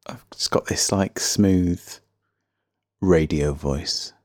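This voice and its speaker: A low-voiced man speaks slowly, hosting a casual solo music podcast with a faint Birmingham accent. He's chatty, rambling and self-deprecating. The recording is dry, with clean studio sound.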